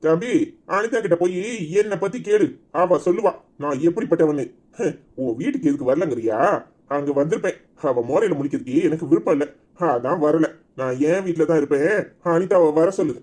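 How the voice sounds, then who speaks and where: A man's voice: fairly high pitch, brisk, darkish tone, natural voice. Guy doing a stern village man, tirunelveli tamil accent, short and firm, cartoon comedy. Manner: curt, warning.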